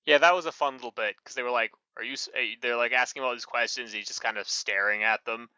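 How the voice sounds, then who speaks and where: A man's voice: mid-range voice, fairly even intonation, quick pace, pushed and bright, clean tone, no echo. A man co-hosting a podcast in casual chat, rambling with many fillers and self-corrections. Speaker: podcast co-host. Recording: muffled lo-fi mic.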